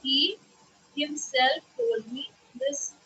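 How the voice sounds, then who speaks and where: A woman teaches a live online grammar class. Her voice sits high and sounds bright and ringing. She explains patiently, repeats each example and keeps asking whether it is clear. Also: drawn-out words, rough recording. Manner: explanatory, repeats and checks understanding with "okay?".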